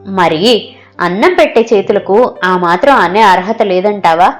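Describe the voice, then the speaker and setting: A woman's voice: mid-range voice, lively intonation, unhurried, soft background music, close to an everyday voice. A woman voicing a kindly middle-aged hotel supervisor. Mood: gentle. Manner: soothing, coaxing.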